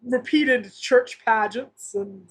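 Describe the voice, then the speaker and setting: A woman's voice: fairly high pitch, slow, husky. A woman co-hosting a podcast in casual, enthusiastic chat, laughing often. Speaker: podcast co-host.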